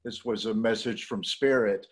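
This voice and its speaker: A man's voice: lowish voice, steady tone, slightly rough. A man who teaches voice and sound work, introducing himself earnestly on a video call. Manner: unhurried, earnest.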